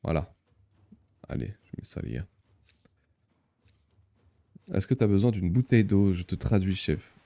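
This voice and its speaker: A man's voice: low-pitched, animated, unhurried, vocal fry, long pauses, dark tone. A young man chatting casually on a live stream, reading the chat aloud, laughing often and using many fillers.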